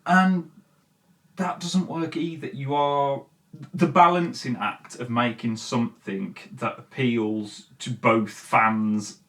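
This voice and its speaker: The host of a film commentary show talks casually and bluntly, exasperated and swearing freely. His voice is medium in pitch and a bit bright.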